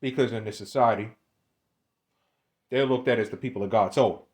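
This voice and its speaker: A man's voice: mid-range voice, moderate pace, darkish tone. Young man in his twenties, casual rambling talk, repeats words, slangy. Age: 20s. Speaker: online commentator. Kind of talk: casual monologue on scripture.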